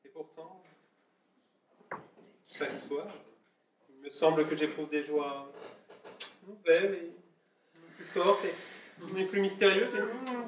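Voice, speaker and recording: An actor playing a gushing, anxious male lover who stammers and pleads effusively. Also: high-pitched. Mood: adoring. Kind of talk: stage comedy acting. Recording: echoey room from far off, faint hiss.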